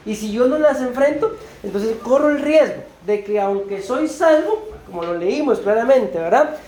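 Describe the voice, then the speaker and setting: A woman's voice: fairly high pitch, expressive, normal speed, warm tone, a little hiss or hum. A woman preaching a sermon, often asking her listeners "right?" and calling them beloved brethren. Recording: roomy church echo.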